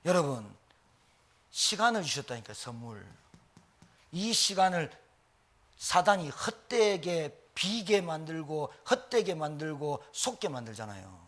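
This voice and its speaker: A man's voice: a little high, unhurried. A middle-aged male pastor giving an emphatic sermon with the odd joke. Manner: animated, emphatic preaching with jokes.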